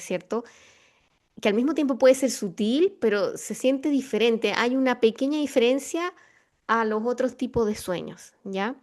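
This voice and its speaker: A woman with a Chilean accent hosts a casual conversation about spiritual topics. Her voice sits at an everyday middle pitch. She speaks reflectively, circling back with fillers and self-corrections as she thinks aloud. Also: a little mellow. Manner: reflective, many fillers and restarts. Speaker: podcast host.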